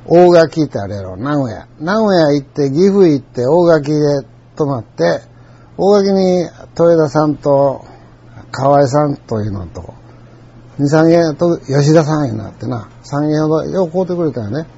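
Gravelly older man with Kansai accent. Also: a little high, expressive, a little slow, warm tone, highs cut off. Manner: rambling, chuckling anecdotal telling. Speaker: storyteller. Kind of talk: casual spoken reminiscence.

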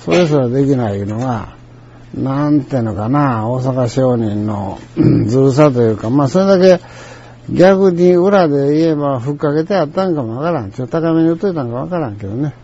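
An older man with an Osaka Kansai accent, casually telling a story from his merchant days, chatty, acting out the voices of the people in it and often clearing his throat. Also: mid-range voice, normal speed, warm tone, a little hiss or hum. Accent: Osaka Kansai Japanese. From Osaka, Japan. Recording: dull lo-fi recording.

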